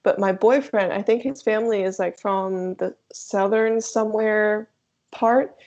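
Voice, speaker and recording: A young adult woman chatting as a guest, talking in an animated, chatty way with many filler words. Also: medium pitch, a little slow. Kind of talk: casual chat. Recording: dull lo-fi sound.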